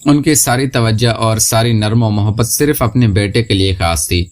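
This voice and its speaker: A man narrating a scripted first-person story in a steady, unhurried reading voice. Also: fairly low pitch.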